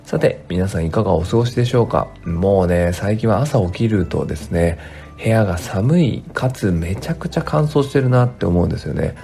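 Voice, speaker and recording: Soft music plays behind a male tax accountant's solo podcast, recorded on a home studio mic in his work room at home. His dark, creaky, low-pitched voice moves briskly with lively intonation, sounding dry and strained this morning as he rambles with frequent fillers.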